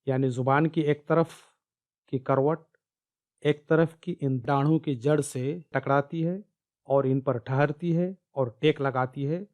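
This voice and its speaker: A man teaching Quran pronunciation, explaining slides slowly and carefully and repeating key sounds. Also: mid-range voice, a little mellow, muffled recording. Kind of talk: explaining slides in a recorded lesson.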